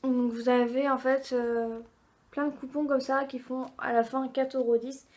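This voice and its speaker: A woman's voice: high voice, little pitch movement, a little slow, a little mellow. A woman vlogger chatting casually through a box unboxing, reading product labels aloud with many fillers.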